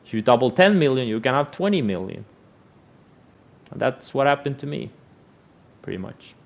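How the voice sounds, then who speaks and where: A stock trader delivers an unscripted motivational rant with trading advice, blunt, emphatic and repetitive. His medium-pitched voice is sing-song with vocal fry, at normal speed. The lo-fi mic makes it sound dull, with a little hiss or hum.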